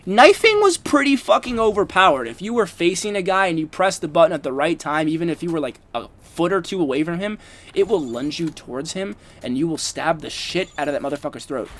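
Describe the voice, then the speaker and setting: A man's voice: fairly high pitch, expressive, a little fast, fairly bright tone. A young man giving casual, rambling commentary over gameplay, swearing often and filling gaps with ums and likes. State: has the hiccups. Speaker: gaming YouTuber.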